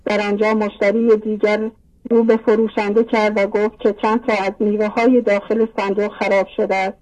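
A woman caller recounting everyday moments and reciting classical verses in a steady, measured way, heard over a dull, distant line. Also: medium pitch. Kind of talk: reciting poetry and personal reflection.

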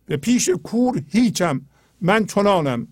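Male spiritual teacher, higher voice, earnest explaining, dry recording. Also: sing-song, breathy edge, no echo. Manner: earnest, explanatory, often drops to a low quiet tone. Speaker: host explaining poetry.

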